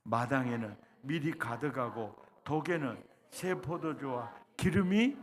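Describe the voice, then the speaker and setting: A male pastor preaching a revival sermon, leading the congregation in call-and-response and swinging from soft lines to loud cries. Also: mid-range voice, animated, measured pace. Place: church sanctuary.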